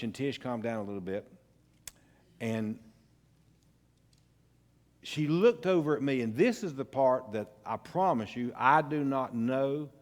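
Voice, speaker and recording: An older man, a pastor telling a family story in a folksy, unhurried way with pauses and restarts. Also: mid-range voice. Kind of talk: storytelling sermon. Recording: long church hall reverb.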